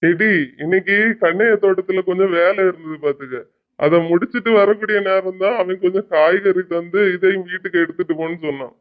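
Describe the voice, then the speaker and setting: A voice actor playing a middle-aged farmer father with a Kanyakumari accent who calls loudly to his family in a cartoon. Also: high voice, brisk, close to an everyday voice. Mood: gruff. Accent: Kanyakumari Tamil. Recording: muffled lo-fi audio.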